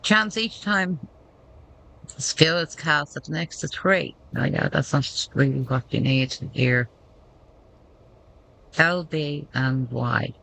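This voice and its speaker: A woman talks through her gameplay at a slow, easy pace, reading menu text aloud as she thinks. Her voice is bright and tense, with a gravelly fry underneath. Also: low voice, rough recording. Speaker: gameplay commentator. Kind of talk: casual gameplay commentary.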